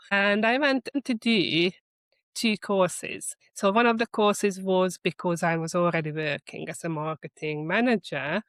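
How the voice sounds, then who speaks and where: A middle-aged marketing executive with a Hungarian accent is an interview guest, conversationally sharing her career story and advice about herself and her work. Her voice is on the low side and a bit bright, in a dry recording.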